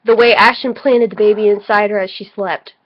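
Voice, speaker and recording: On a lo-fi home recording, a drunk woman co-reads a fan story aloud, hamming it up with amateur mock drama and breaking off for muttered critical asides. Her mid-range voice keeps a steady tone and a brisk pace.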